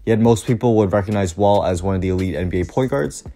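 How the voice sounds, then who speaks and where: A young sports commentary YouTuber reads a prepared basketball script packed with stat lists, sounding upbeat though his voice is still slightly off from the flu. He speaks fast in a deep, mellow voice over soft background music.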